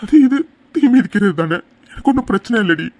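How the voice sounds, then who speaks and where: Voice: medium pitch, animated, quick pace, darkish tone, lightly acted. A performer voicing a stubborn, devoted young man who insists earnestly in a cartoon. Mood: determined.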